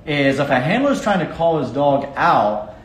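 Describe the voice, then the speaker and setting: A man with a slightly higher voice hosts a relaxed interview, walking his guest through what happened and stopping to explain things for viewers. He laughs easily, and the sound carries a noticeable room echo. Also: moderate pace. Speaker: host. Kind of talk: casual interview. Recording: echoey room.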